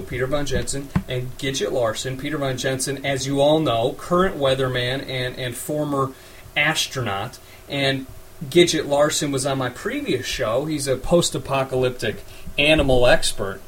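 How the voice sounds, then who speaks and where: A man's voice: medium pitch, a little hiss or hum, lightly acted, rough recording. A man playing a frazzled radio host in a comedy audio drama, rambling and stumbling over his words while under siege.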